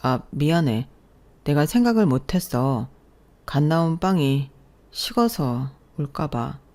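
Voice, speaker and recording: A woman voicing a mild young husband who sounds soft and apologetic. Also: low voice, lively intonation, slow pace, heavily acted.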